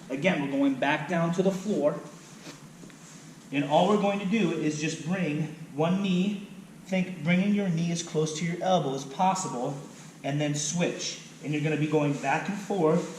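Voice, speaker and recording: A man's voice: on the high side, distant mic, a little hiss or hum. A male fitness trainer explaining and demonstrating exercises in a gym, counting out reps as he moves. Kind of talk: instructional workout video. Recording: echoey room, voice from off-mic.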